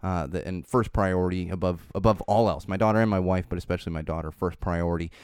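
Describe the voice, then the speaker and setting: A man hosts his own solo podcast in a small studio, chatty, rambling and self-promoting while still congested from a cold, speaking into a studio microphone. His voice is low-pitched, a little mellow and fairly even, quick-paced, with a clean tone and no echo.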